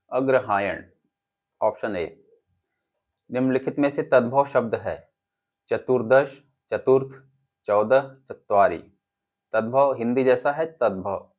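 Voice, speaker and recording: A male teacher with an Uttar Pradesh Hindi accent, reading quiz questions and their options, then giving the answers and explaining them. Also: medium pitch. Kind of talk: exam-prep lesson, reading quiz options. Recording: dull lo-fi audio.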